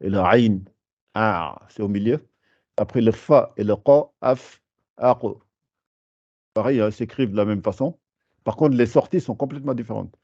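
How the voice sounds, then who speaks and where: A man teaching a beginner language class, patiently repeating sounds slowly to show how they are pronounced. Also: lowish voice, darkish tone, dry recording, dull audio. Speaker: Arabic teacher.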